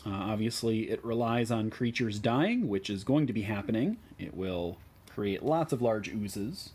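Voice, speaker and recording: A man with a Midwestern American accent explains card choices for a deck in a relaxed way, with many ums and uhs. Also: on the low side, a little slow, husky. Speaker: deck tech host.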